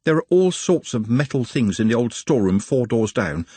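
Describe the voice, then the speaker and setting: A man's voice: mid-range voice, sing-song, normal speed, darkish tone, breathy edge, no room sound. A man voicing a polite, anxious young male goblin who speaks formally and stutters slightly. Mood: earnest, worried.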